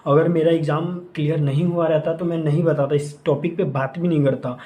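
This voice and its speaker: A man's voice: on the high side, steady tone, a little fast, dark tone. A young man coaching students for an exam, giving casual, repetitive instructions and mixing English terms into his Hindi. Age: young adult. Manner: mixes English phrases into Hindi speech. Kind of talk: casual exam-prep lesson. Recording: echoey room.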